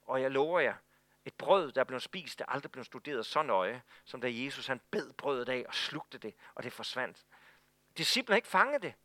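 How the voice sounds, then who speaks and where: A male pastor preaching a sermon, telling the story in an animated way with frequent stammered repeats. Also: medium pitch, dry recording.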